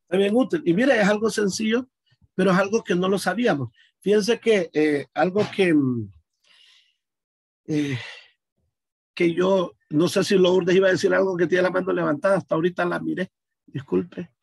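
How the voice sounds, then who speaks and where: Husky-voiced man teaching an online class. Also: sits high, normal speed, long pauses, no room sound. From Honduras. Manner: patient, explanatory, addresses students directly. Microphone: video call.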